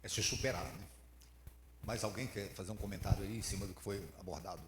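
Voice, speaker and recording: A man's voice: low voice, steady tone, fast, noisy background. A man leading a church preaching class, explaining points in an informal, teacherly way. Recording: echoey hall with faint ambience.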